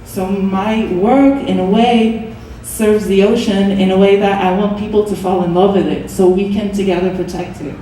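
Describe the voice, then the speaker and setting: A woman's voice: mid-range voice, steady tone, normal speed, mellow, a little hiss or hum. A young adult woman from Brazil, a Portuguese speaker, earnestly explaining her art on a panel, with some restarts. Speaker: artist on a panel. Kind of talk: panel talk. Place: gallery event space. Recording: echoey room, distant mic.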